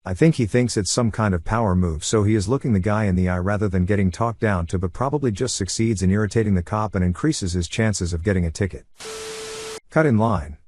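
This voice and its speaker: A man reading online forum comments aloud in an even, matter-of-fact way as the narrator of a compilation. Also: fairly low pitch, fairly quick, slight background noise.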